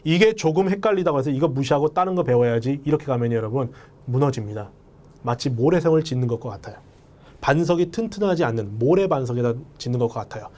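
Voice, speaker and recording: A man's voice: mid-range voice, animated, quick pace, darkish tone. A man teaching an English lesson, emphatic and often speaking straight to his viewers. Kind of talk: lecture.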